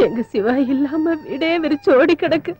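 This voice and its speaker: A woman's voice: high voice, moderate pace, muffled recording, faint music behind, natural voice. An actress playing a grieving woman of the household who laments a young man sent to jail, in a dubbed film. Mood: sorrowful. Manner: sorrowful, lamenting.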